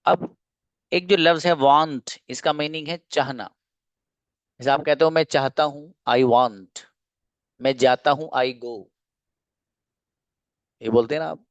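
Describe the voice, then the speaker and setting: Slow, patient male English teacher. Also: fairly high pitch, no room sound. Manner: explains patiently, repeats example sentences slowly. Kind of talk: online grammar lesson.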